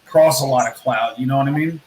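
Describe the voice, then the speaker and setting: A man's voice: medium pitch, brisk, a little mellow, echoey room, rough recording. A man giving casual wrestling analysis as a podcast commentator.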